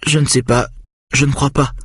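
A dazed young woman under hypnosis speaks in a flat, faint monotone, as a man puts her on, pitched well above his own low voice. She answers hesitantly and reluctantly, with a very husky, breathy texture. The sound is close and dry. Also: normal speed, no room sound. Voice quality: monotone, quiet.

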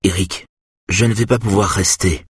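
A man with a husky voice reading an audiobook and voicing a nervous, pushy male doctor colleague. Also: deep voice, steady tone, normal speed, no room sound, studio quality, pitched above the performer's own voice. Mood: anxious. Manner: nervous, pleading. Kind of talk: audiobook character voice.

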